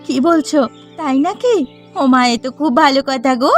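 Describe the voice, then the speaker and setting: A woman voicing a nagging, excitable village wife in a cartoon who plots a theft. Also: sits high, normal speed, soft background music. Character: scheming shrill village wife. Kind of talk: Bengali cartoon voice acting.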